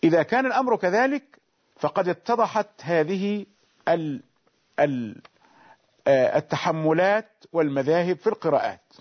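A man teaching a lesson on Quranic recitation rules, explaining slowly and repeating each verse and rule. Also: a little high, expressive, muffled recording. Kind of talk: classical Arabic lesson on Quranic readings.

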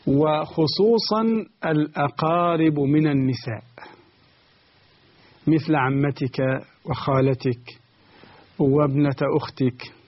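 A man's voice: on the high side, breathy edge, lo-fi sound. A man hosting a religious programme, teaching in formal standard Arabic in a didactic way, with rhetorical questions and repeated key phrases. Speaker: host of a religious programme, preacher.

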